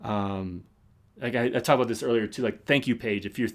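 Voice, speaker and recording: A man's voice: medium pitch, fairly quick. A man presenting a live webinar and answering questions in a loose, casual way, stopping and restarting often, while he is losing his voice. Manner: casual, full of fillers and restarts.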